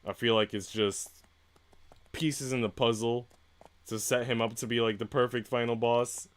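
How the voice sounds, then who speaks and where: Reading a visual novel aloud on stream, a man chats casually in between, slangy and mildly sweary. He speaks in a mid-range, level-toned voice at a moderate pace.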